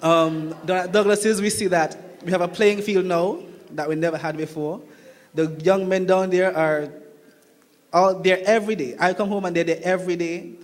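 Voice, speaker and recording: A man's voice: high voice, fairly even intonation, moderate pace. A young man from Saint Kitts with a Kittitian accent, giving an impromptu, conversational personal testimony at a public meeting and repeating phrases for emphasis. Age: young adult. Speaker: returning student speaking at a town hall meeting. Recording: reverberant hall with long echo.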